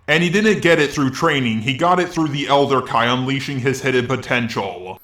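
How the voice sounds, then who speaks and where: A man's voice: medium pitch, moderate pace, a bit bright, roomy sound. A man doing a reaction commentary, answering critics with sarcastic, argumentative retorts. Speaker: commentary YouTuber.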